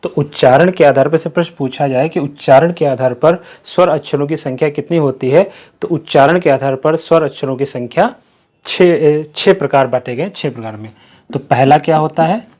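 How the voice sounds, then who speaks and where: Slow, patient Hindi grammar teacher, man. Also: a little high, a little mellow. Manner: slow, repetitive explaining with questions to the class. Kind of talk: classroom-style lesson.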